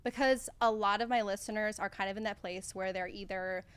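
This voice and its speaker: A woman's voice: mid-range voice, fairly even intonation, a little fast, fairly bright tone, clear, resonant tone. A woman from the American Midwest hosting a podcast interview, enthusiastic and chatty, with frequent "like"s. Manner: bubbly, enthusiastic, says "like" often. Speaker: podcast host.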